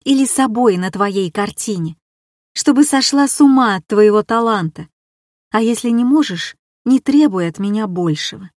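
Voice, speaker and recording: A woman's voice: medium pitch, expressive, normal speed, a little mellow, no room sound, clean studio sound, natural voice. A woman playing a weary, bitter woman reproaching her lover. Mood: reproachful. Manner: reproachful, probing questions.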